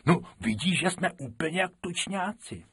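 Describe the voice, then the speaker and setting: A man's voice: sits high, expressive, a bit bright, slightly rough, dry recording, studio quality, pitched above the performer's own voice, heavily acted. A man voicing an eager, boastful little boy rabbit in a storybook, chummy and know-it-all. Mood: chummy boasting.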